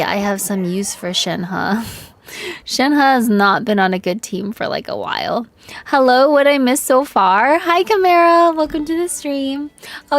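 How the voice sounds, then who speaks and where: A woman from China chatting casually on a gaming livestream, candid and slangy with some swearing. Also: mid-range voice. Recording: music playing behind voice.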